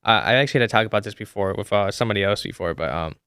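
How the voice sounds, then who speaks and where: A man's voice: fairly low pitch, rapid-fire, a bit bright, smooth, dry recording, clean studio sound. A young man in casual podcast chat, telling a story with lots of fillers and restarts. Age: young adult. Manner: rambling, many fillers and restarts.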